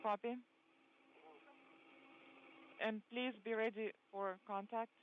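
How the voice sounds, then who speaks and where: A man's voice: high voice, normal speed. A man giving clipped, procedural docking callouts over a radio communicator link. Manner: clipped, flat reading of numbers. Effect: radio communicator transmission. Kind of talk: terse procedural radio reports. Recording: tinny radio link with faint hiss.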